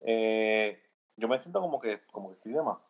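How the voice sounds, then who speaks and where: A man's voice: on the low side, lively intonation, normal speed, rough recording. A man with a Puerto Rican accent, a guest on a podcast, giving his opinions in casual talk, thinking aloud and often checking in with tag questions. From Puerto Rico.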